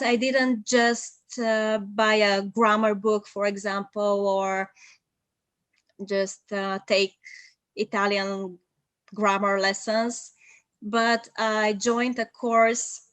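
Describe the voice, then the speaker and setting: Offering advice in an interview, a young Bulgarian-native translator speaks methodically and at a measured pace, saying "um" often. Her voice is mid-range and a bit bright, captured in a dry, close recording with no echo.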